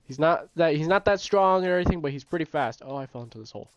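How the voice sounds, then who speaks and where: A man with a stuffy nose giving casual, rambling gameplay commentary as the host of his own gaming channel, often correcting himself and getting excited. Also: a little high, fast, no room sound. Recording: dry, slightly dull home recording.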